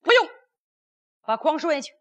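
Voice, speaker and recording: A woman storyteller voicing a guarded, courteous male commander, gravelly and dramatic. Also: high-pitched, very animated, moderate pace. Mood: commanding. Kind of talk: storytelling character dialogue.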